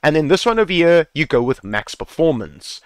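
A man's voice: on the high side, very animated, brisk, clear, resonant tone, dry recording. A man casually talking viewers through game settings in a screen-recorded tutorial, repeating advice and swearing now and then while speaking into a headset mic. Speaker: gaming tutorial creator.

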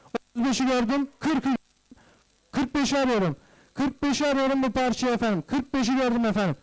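In a rough recording, a man with an extremely high pitch speaks fairly quickly as he works a livestock auction. He chants prices live, repeating phrases, and addresses guests formally and courteously.

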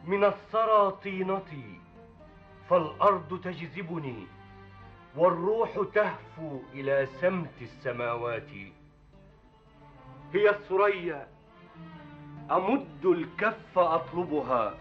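A man's voice: on the high side, animated. An actor playing an earnest young village man with an Egyptian accent who writes poetry and recites his verse grandly. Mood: declaiming. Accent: Egyptian Arabic. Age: young adult. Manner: declaims verse slowly and grandly. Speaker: village student and aspiring poet. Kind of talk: TV drama acting. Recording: dull lo-fi TV soundtrack with music.

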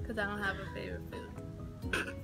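A woman's voice: mid-range voice, flat delivery, fairly quick, creaky, over music. A young adult woman in casual chat, talking with her mouth stuffed full of marshmallow, recorded outdoors. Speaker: friend in a tag challenge. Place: outdoors against a wall.

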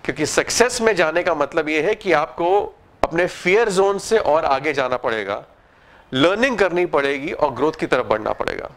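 A man's voice: fairly high pitch, lively intonation, normal speed. Man giving a motivational talk. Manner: explains with everyday examples, mixing Hindi and English phrases; asks the audience questions.

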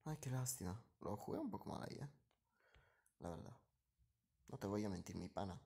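A man's voice: on the low side, lively intonation, moderate pace, gravelly, warm tone. A man talks over his own gameplay in a running commentary. He drops to mutters between moves and jumps up in energy whenever the action swings, repeating short phrases as he goes. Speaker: gaming streamer.

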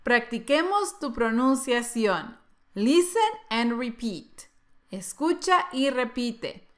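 A woman leads a vocabulary drill, pronouncing each word with slow, careful enunciation. Her voice is bright and a little high, and her intonation rises and falls with lively movement. She speaks at a very unhurried pace. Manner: slow, deliberate enunciation of single words. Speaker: English teacher. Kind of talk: vocabulary drill, word then Spanish translation.

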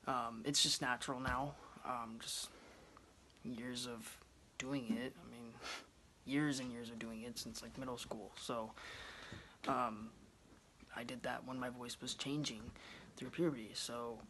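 A man in his twenties rambles casually to his phone camera, held close, in a small room at home, with plenty of ums. He's a vlogger with a mid-range voice who talks a little slowly and pauses often. The recording is rough, with slight background noise.

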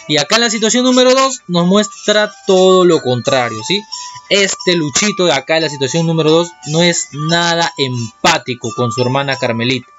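A man teaching an online primary school class, lively and asking the children questions. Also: on the high side. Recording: dull lo-fi with music behind.

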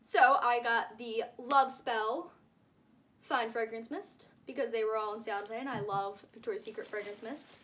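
This vlogger is a nineteen-year-old woman presenting her shopping haul from a small indoor room with a curtain behind her. Her high voice comes out pushed and bright at a normal pace, with a little hiss or hum on the recording, as she rambles and gushes with frequent "like" and over-the-top claims.

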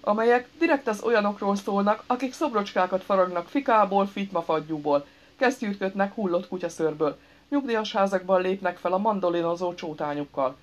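A woman's voice: mid-range voice, lightly acted. A woman voicing a balding, crude man who teases his friend sardonically. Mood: mocking. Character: balding mocking man, crude old pal. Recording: dull lo-fi recording.

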